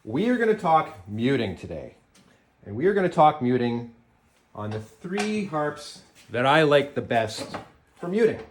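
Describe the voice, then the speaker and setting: A man's voice: medium pitch, slight background noise. Canadian man teaching jaw harp. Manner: relaxed, halting with fillers and restarts. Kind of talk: casual tutorial.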